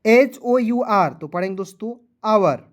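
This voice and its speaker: A tired man teaching an online lesson, spelling out English words letter by letter, then slowly saying each one while checking that viewers follow. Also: high-pitched, animated. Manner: keeps addressing viewers as friends, checking "clear?".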